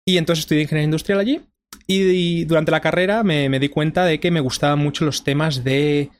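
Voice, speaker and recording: A man's voice: a little high, steady tone, fast talker, slight background noise. A young man from Spain with a Madrid accent, a guest explaining science in a casual interview, often restarting his sentences. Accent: Madrid Spanish. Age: young adult. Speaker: guest, fusion physicist.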